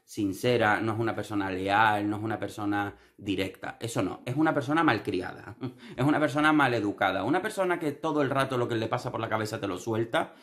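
A man's voice: on the low side, fairly quick, a bit bright. A young man with a Canarian Spanish accent giving sarcastic, theatrical commentary on a reality show. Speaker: TV commentary vlogger.

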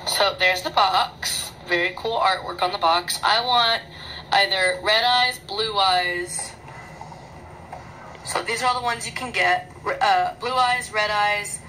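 A woman's voice: mid-range voice, slow pace. Chatty woman vlogging over noisy audio. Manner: chatty, excitable, rambling. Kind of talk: casual unboxing vlog. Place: small bedroom at home. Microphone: phone camera.

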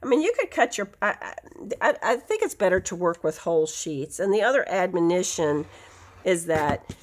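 An American woman with a fairly low voice, wide pitch swings and a moderate pace teaches a quilting craft at her home sewing table. Her allergies make her sound nasal, and she's chatty, wandering into asides and correcting herself throughout this casual indoor tutorial.

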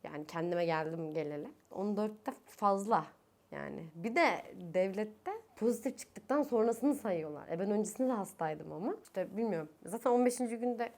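A woman's voice: medium pitch, lively intonation, normal speed, darkish tone. Tired, coughing young woman speaking through a mask. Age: 20s. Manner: chatty, laughs often, voice rising when annoyed. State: tired, coughing, with a sore throat. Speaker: vlogger. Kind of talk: casual chat to camera. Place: her own bedroom, indoors. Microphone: speaking through a face mask.

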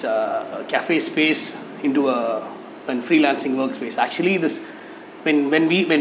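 A man, a cafe owner giving candid interview feedback, hesitant with many fillers and restarts. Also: mid-range voice. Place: cafe with painted mural wall, indoors. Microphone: lapel mic. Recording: echoey cafe room with faint noise.

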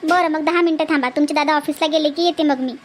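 A woman's voice: sits high, fairly even intonation, quick pace, noisy background, close to an everyday voice. A woman voicing a shy young wife who fears her mother-in-law, in a village cartoon. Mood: worried.

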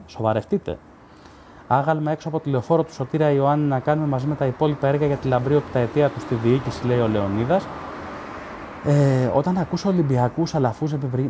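Blunt man with a dark voice. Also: mid-range voice, slight background noise. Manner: blunt, argumentative with commenters, many fillers and restarts. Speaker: sports journalist hosting a live stream. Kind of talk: casual live-chat commentary reading viewer comments.

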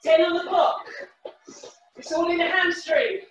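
A woman leading a workout class as a fitness instructor, calling short, energetic, encouraging cues and counts. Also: extremely high pitch, unhurried, highs cut off, faint music behind. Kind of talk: live workout class coaching. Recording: echoey room, far from the mic.

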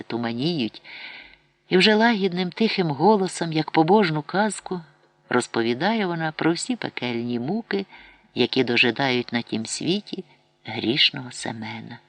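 A man narrating a literary audiobook in a measured, expressive storytelling manner. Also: mid-range voice, no echo.

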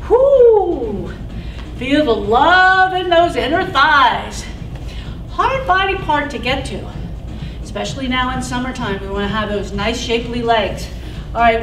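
Casting: female aerobics instructor, high voice, slow deliberate cues, encouraging, middle-aged. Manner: upbeat, encouraging, counts down repetitions out loud. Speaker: fitness instructor. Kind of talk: aerobics instructor cueing a class. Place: indoor exercise studio with wooden floor. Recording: roomy, distant mic, loud background music. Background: workout music.

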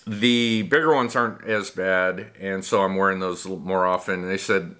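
A man's voice: deep voice, fairly even intonation, normal speed, sharp tone. A man in his forties with braces, talking casually to the camera in a rambling, matter-of-fact way, with a slight lisp from his rubber bands. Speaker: vlogger.

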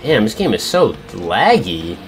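A man's voice: fairly low pitch, very animated, unhurried. A young man giving casual commentary on his own video game matches in a slangy, profane, sarcastic way, with frequent swearing. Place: indoors at a gaming setup in a dim room. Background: game music.

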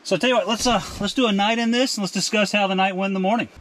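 Chatty higher-voiced man reviewing camp gear. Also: fairly even intonation, rapid-fire, a bit bright, a little hiss or hum. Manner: chatty, plainspoken, with frequent restarts. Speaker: outdoor vlog host. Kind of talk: casual product review vlog. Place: outdoors in a forest campsite and inside a rooftop tent.

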